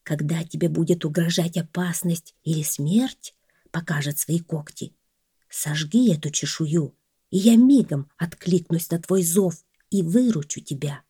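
A woman's voice: lowish voice, unhurried, mellow, breathy edge, no echo, studio quality. A woman putting on a sly whispering snake. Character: scheming male snake, hissing and persuasive.

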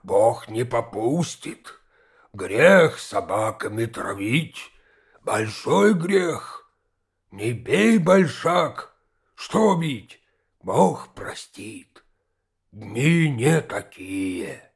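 A man doing a slow, muttering holy fool. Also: medium pitch, very animated, vocal fry, breathy edge, voice pushed down, heavily acted. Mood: mournful muttering. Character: mumbling holy-fool wanderer, adult man.

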